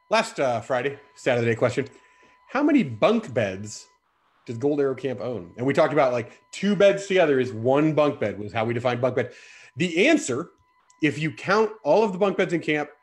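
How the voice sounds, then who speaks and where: A man hosting a camp live stream in a playful, chatty, joking way. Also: medium pitch. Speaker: camp staff host. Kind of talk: casual live-stream chat.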